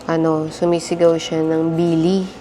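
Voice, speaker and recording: A woman's voice: low voice, completely flat delivery, normal speed, mellow, soft background music. A woman filming a family travel vlog, narrating casually to camera and chatting with her viewers as she shows a hotel laundry room and a convenience store. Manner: chatty, keeps addressing viewers as guys. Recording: noisy handheld vlog audio.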